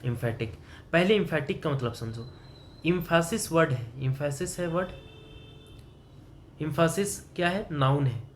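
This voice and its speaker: A man's voice: fairly high pitch, expressive, slow, long pauses, a little hiss or hum. Man teaching grammar by question and answer. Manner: asks the student questions and answers them himself; explains in Hindi mixed with English terms. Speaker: English teacher. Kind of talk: classroom grammar lesson.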